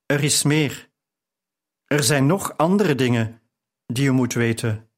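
A man's voice: medium pitch, takes it slowly. A man voicing an outspoken, impulsive young woman aristocrat who pleads politely in an audiobook. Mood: urgent.

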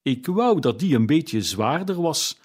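A man's voice: fairly high pitch, sing-song, measured pace, breathy edge, voice pushed up, full character voice. A man voicing a brash, scheming charwoman who talks in a bold, challenging way in an audiobook. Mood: brazen. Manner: brazen, challenging. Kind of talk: audiobook character reading.

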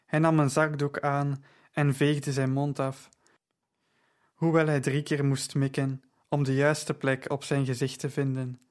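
A man narrating an audiobook story in a measured, even storytelling manner. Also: mid-range voice.

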